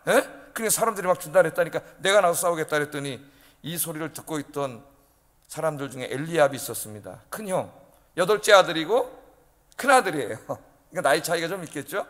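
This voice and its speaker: A male pastor delivering a midweek sermon, emphatic and animated, often prodding the congregation with rhetorical questions. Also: on the high side, fast talker, in a large hall. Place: church sanctuary.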